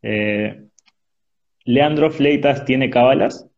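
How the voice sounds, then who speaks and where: A man with a mid-range, somewhat mellow voice interviews someone over a choppy video call in a rapid-fire question round. He asks short, direct questions with filler pauses in between. The remote call audio is dull and lo-fi, breaking up because the connection is weak.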